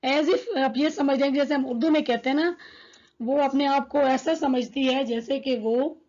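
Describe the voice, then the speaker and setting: A woman teaching an English grammar lesson, reading each example sentence slowly and deliberately. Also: high-pitched, a little mellow. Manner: slow, deliberate, reads English examples word by word. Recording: dull lo-fi recording.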